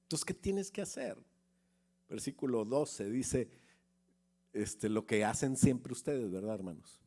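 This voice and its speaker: A man's voice: mid-range voice, lively intonation, unhurried, dark tone. A middle-aged man preaching a sermon as pastor, chatting with the congregation, asking questions and acting out little stories. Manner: conversational preacher, asks the congregation questions, acts out anecdotes.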